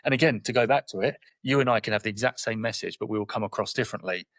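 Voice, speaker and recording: Fast-talking southern English man in his forties. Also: lowish voice, fairly bright tone, dry recording. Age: 40s. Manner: straight-talking, tells anecdotes with quoted dialogue. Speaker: guest, property investor. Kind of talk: podcast interview conversation.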